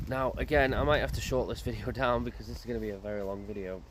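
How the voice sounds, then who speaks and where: A paranormal investigator vlogger walks through a graveyard outdoors, musing aloud and quizzing himself in casual commentary. His medium-pitched voice stays fairly even and he talks fast. Loud outdoor noise fills the recording, including a passing motorbike.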